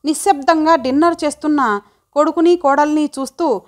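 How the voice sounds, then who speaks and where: A woman narrating an audiobook story in a measured, reflective way. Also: high voice.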